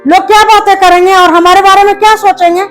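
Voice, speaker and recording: Fretful scolding mother in a family soap, very high voice, faint music underneath, as an actress plays her. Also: little pitch movement, quick pace. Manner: scolding, anxious. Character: mother worried about family reputation. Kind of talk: Hindi family drama acting.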